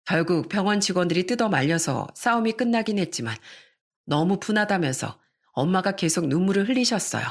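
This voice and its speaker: Woman narrator, scripted first-person story reading, even delivery. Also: on the low side, fairly quick.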